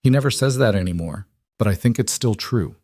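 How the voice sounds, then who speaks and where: A man voicing a weary, steady woman who runs a youth center, speaking quietly, dryly and bluntly. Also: lowish voice, brisk, no room sound, clean studio sound.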